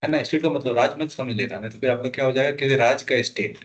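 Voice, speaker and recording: A man's voice: mid-range voice, quick pace, highs cut off. A man teaching a polity lesson for exam prep, asking students questions and repeating key terms. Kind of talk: classroom lecture, Hindi mixed with English.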